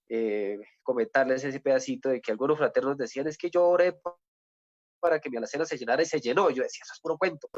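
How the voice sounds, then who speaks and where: A Colombian man tells his faith testimony earnestly, checking in with his listeners and circling back over his words. His voice sits a bit high for a man. The recording is dry and somewhat dull, with little room sound. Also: dry recording. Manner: earnest, with repeated rhetorical "¿sí?" and restarts. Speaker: testimony speaker.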